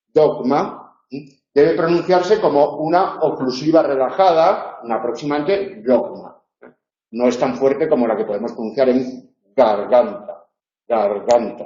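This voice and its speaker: A man's voice: medium pitch, mellow. A man with a northern Spain accent, a university tutor explaining phonetics and demonstrating sounds, often checking in with his listeners. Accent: northern Spain Spanish. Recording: roomy, dull lo-fi lecture recording.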